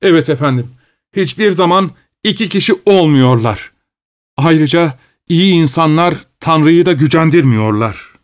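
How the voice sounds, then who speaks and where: A man's voice: on the high side, expressive, measured pace, no room sound, pitched above the performer's own voice. A man reading aloud and voicing a drunk, insolent male servant who repeats himself stubbornly; dry, close recording. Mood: defiant.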